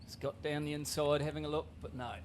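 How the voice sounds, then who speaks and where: A man's voice: fairly high pitch, flat delivery, quick pace, slight background noise. A man with a New Zealand accent giving live motor racing commentary as an expert analyst, colloquial and full of technical detail.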